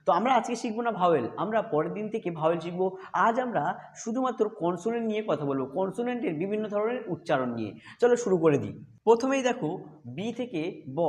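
A man teaching English pronunciation rules step by step, patiently repeating each point. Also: high-pitched. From Bengal. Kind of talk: explaining a phonics lesson.

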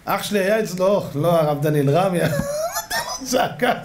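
A man's voice: high voice, huge pitch swings, noisy background. A man giving a religious lecture as a rabbi, telling stories animatedly and acting out voices. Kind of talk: lively religious lecture to an audience. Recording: echoey room.

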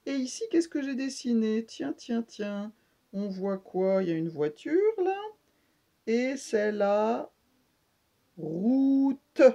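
A woman giving a slow reading lesson to young children, stretching and repeating sounds for them. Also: fairly high pitch, sing-song, vocal fry, dark tone, highs cut off. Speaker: speech therapist teaching reading.

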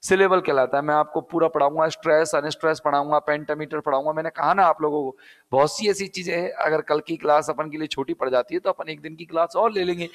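Man, Rajasthani Hindi accent, English teacher, live class, higher voice, reverberant room. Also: a bit bright. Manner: explains step by step, repeats key words, asks and answers own questions. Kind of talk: live online exam-prep class.

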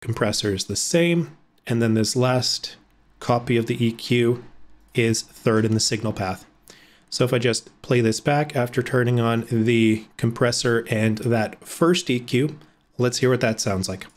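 Guy in his 30s walking thru a tutorial, relaxed and chatty, little ums here and there. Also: medium pitch, unhurried. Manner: explanatory, casual, with fillers. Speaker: video editing tutor. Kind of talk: screen-recorded tutorial. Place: home room with blackout curtains.

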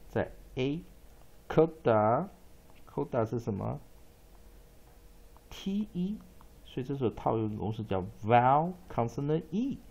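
Gravelly-voiced man teaching pronunciation. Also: medium pitch, big pitch swings, darkish tone. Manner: slow, drawn-out repetition of words and letters. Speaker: English teacher. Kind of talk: spelling and pronunciation lesson.

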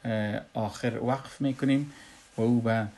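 A man with an Afghan Dari accent teaches Quran recitation in a recorded lesson, explaining slowly and pausing often with "uh". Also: medium pitch, steady tone, dark tone. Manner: slow, explanatory, with frequent "uh" pauses.

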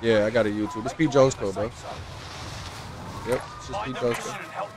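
A man's voice: mid-range voice, steady tone, normal speed, a crowd in the background. A male game streamer chatting casually with slangy, profane banter while he plays. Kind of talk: casual gaming chat.

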